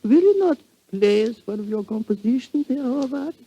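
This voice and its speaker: High, husky, courtly old emperor. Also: male voice, animated, moderate pace, mellow, full character voice. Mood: gracious. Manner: courtly, expansive, repeats phrases. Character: elderly genial emperor, courtly and gracious. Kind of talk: 1940s radio drama acting. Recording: dull lo-fi 1940s radio recording.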